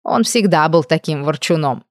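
A woman playing a slow, knowing nymph mentor. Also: low-pitched, lively intonation, dry recording, studio quality. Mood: gentle. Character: calm, amused female nymph mentor, older than she looks.

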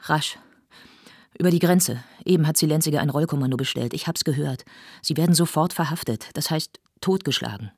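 A breathless colleague rushing a warning, read by a woman. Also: low voice, a little mellow, breathy edge, no echo, studio quality, voice pushed up. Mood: alarmed. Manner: rushed, urgent warning. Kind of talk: audiobook reading.

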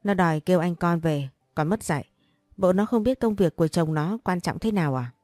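A woman voicing a sharp-tongued older mother-in-law who hurls insults in a storybook reading. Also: lowish voice, fairly quick, dry recording, studio quality, close to an everyday voice. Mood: furious. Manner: harsh, insulting.

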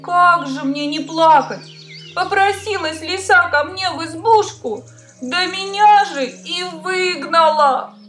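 A woman's voice: high-pitched, sing-song, takes it slowly, fairly bright tone, faint music behind, voice pushed up, full character voice. A woman playing a weepy little hare. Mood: tearful, plaintive. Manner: plaintive whining. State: crying. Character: small tearful male hare, pitiful.

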